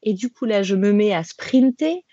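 A woman's voice: mid-range voice, animated, moderate pace, warm tone, breathy edge, dry recording. A woman guest recounting a race in a casual interview, talking animatedly with many fillers and restarts. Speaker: podcast guest, trail runner. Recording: dull lo-fi sound.

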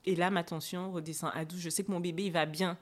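This young adult woman's voice sits on the low side, with fairly even intonation and a quick pace. Interviewed on a podcast, she tells a personal story with emotion, often hesitating, using fillers and restarting.

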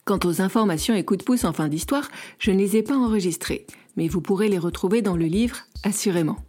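Woman podcast host, calm measured reading, mellow dark tone, author introducing stories. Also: medium pitch.

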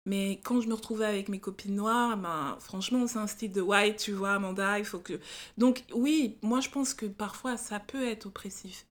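A woman guest recalls things in a relaxed, reflective way during an interview. Her speech is conversational, at a middle pitch, with an easy rhythm. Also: moderate pace. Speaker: guest, magazine founder. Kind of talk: casual interview talk.

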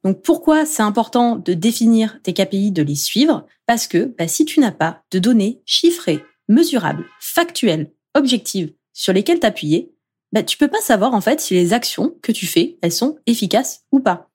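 A woman's voice: medium pitch, very animated, moderate pace, a little mellow, breathy edge. A woman in her thirties hosting a solo podcast as a productivity coach, chatty and upbeat, talking straight to the listener.

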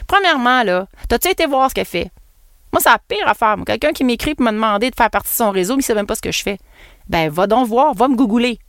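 A woman's voice: a little high, expressive, quick pace, dry recording, studio quality. A woman with a Québécois accent hosting her own solo podcast as an NLP coach, talking casually and playfully, swooping up and down and laughing at herself. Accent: Québécois French. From Quebec.

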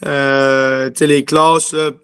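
Recorded in a clean studio with no echo, the young Quebec junior hockey player speaks slowly and flatly in a medium-pitched, fairly bright, smooth voice. As an interview guest with a Quebec French accent, he rambles casually and uses plenty of fillers.

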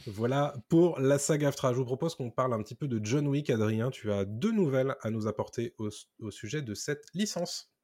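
A man's voice: mid-range voice, lively intonation, brisk, hardly any pauses, dark tone, dry recording. A man hosting a casual pop-culture news podcast, talking with many hesitant fillers. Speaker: podcast host.

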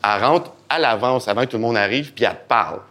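A man with a Québécois French accent speaking as a guest on a live podcast in front of an audience, animated and joking, acting out the voices in his head. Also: medium pitch, fast. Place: event hall with live audience.

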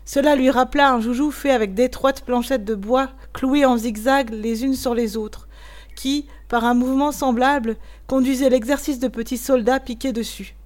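A woman narrating a classic tale in a measured, expressive storytelling voice. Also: sits high. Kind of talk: audiobook reading of a classic tale.

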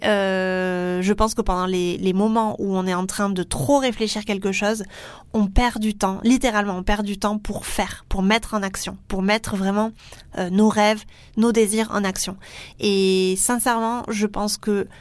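A young woman with a French accent talks straight to her listeners in a solo podcast, earnest and encouraging, often stopping to restart a phrase. Her voice sits in a middle pitch range and is recorded dry and close, with no room around it. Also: no echo. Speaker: podcast host and teacher trainer.

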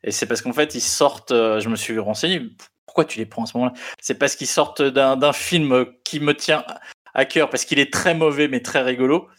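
A man's voice: mid-range voice, moderate pace, fairly bright tone. A man co-hosting a casual film podcast, telling digressive anecdotes with many fillers. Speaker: podcast co-host.

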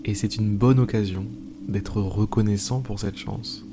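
A man hosting an improvised guided meditation, pausing often, repeating phrases and slipping into informal asides. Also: lowish voice, steady tone, noisy background. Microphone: speaking into a microphone. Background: music.

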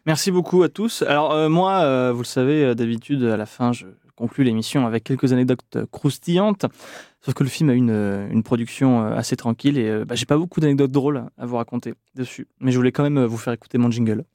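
A man's voice: mid-range voice, fast talker, warm tone, no echo, clean studio sound. A man hosting a casual film podcast, sharing trivia in a chatty way with plenty of hesitations. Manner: chatty, many fillers, relishes film trivia. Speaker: podcast host.

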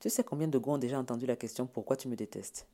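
A man voicing a weary young woman who speaks in a low, guttural, scornful way. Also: quick pace, dark tone, lightly acted. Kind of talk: audiobook character voice.

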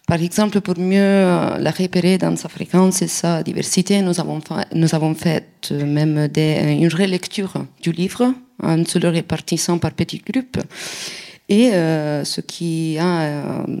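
Gravelly, mellow-voiced woman reader. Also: fairly low pitch. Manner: hesitant, frequent fillers. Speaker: student reader asking a question. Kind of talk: prepared question with quotes read aloud.

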